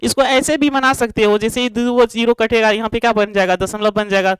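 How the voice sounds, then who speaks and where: A woman teaching a math class with a smooth, fairly high voice. She walks through each step slowly and repeats it, asking questions aloud and answering them herself. The sound is close and dry. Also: fairly even intonation, no room sound, poor audio. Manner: poses rhetorical questions and answers them, checking in with students; drawn-out, repetitive explanation. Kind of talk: online classroom lesson.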